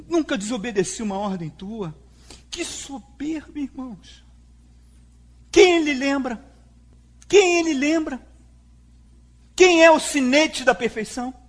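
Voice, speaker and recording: A pastor with a Brazilian Portuguese accent preaches emphatically to his congregation, acting out quoted dialogue as he goes. His voice is very high-pitched and a bit bright.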